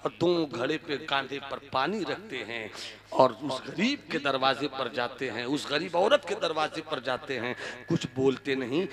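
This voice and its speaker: A man preaching a dramatic sermon, telling a story with swings from hushed to loud. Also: medium pitch, moderate pace. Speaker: Islamic preacher. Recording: live crowd behind. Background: crowd.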